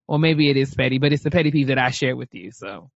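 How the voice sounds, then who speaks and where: A woman co-hosting a casual podcast, talking in an animated way and repeating phrases as she builds a point. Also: extremely low pitch, quick pace, no room sound, lo-fi sound. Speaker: podcast co-host.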